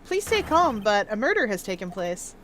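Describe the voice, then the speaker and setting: A woman's voice: mid-range voice, very animated, normal speed, a bit bright, slight background noise, voice pushed down. A woman voicing a dry, exasperated male defense attorney while reading out a video game. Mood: measured. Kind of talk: video game voice-over read-aloud.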